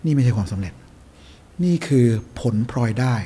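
A man's voice: medium pitch, expressive, a little fast, warm tone, a little hiss or hum. A man talking as a podcast guest, giving emphatic motivational advice and hammering home his points. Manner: emphatic, preachy, repeats key points. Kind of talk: motivational conversation.

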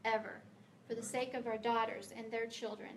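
A middle-aged woman from the United States speaks to a meeting as a guest author. Her voice sits a little high, and her delivery is earnest and emphatic. She sometimes stumbles and restarts her words, and faint noise hums underneath. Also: level tone, moderate pace, creaky. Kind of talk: prepared speech to a meeting. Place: meeting room of a library.

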